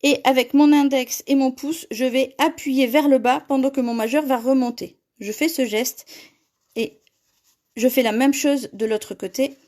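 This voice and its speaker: A woman's voice: high-pitched, steady tone, measured pace, darkish tone. A woman hosting a live paper-craft tutorial, chatting with viewers and laughing often as she reads their comments.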